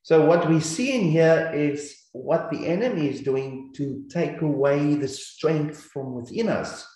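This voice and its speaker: In a very echoey room, a man with a New Zealand accent teaches scripture over slides, earnest and repetitive. He's a Bible teacher whose mellow voice sits on the high side, and he speaks a little slowly.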